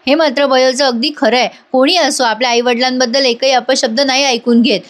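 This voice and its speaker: A woman narrates a voice-over story retelling in a chatty way and speaks straight to her viewers. Her voice is high. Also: steady tone, fairly quick. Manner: chatty, addresses viewers directly. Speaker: storyteller reviewing a TV serial.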